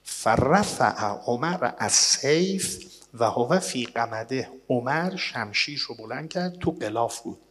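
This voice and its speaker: Male preacher with a breathy, husky voice; dramatic delivery that rises loud and drops hushed, heard with long reverb. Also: lively intonation. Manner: dramatic, swinging from loud declaiming to hushed low tones. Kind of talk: sermon reading and translating Arabic sources. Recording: long reverb, as in a large hall.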